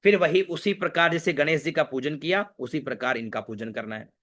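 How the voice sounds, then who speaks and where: Bright-voiced priest teaching a ritual. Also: male voice, on the high side. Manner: slow, measured mantra recitation between brisk explaining; addresses the viewer directly with "dekho" and "theek hai". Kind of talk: step-by-step ritual instruction with chanted mantras.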